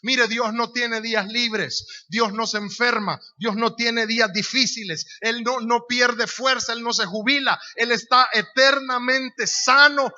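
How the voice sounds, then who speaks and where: A man's voice: extremely high pitch, fairly even intonation, unhurried, few pauses, sharp tone. A man with a Honduran accent preaching a sermon, emphatic, with rhetorical questions and repeated phrases. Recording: dull lo-fi recording.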